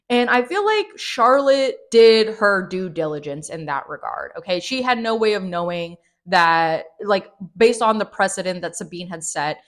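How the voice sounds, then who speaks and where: A woman's voice: mid-range voice, a bit bright. A woman giving an emphatic, exasperated book review, swearing as she rants.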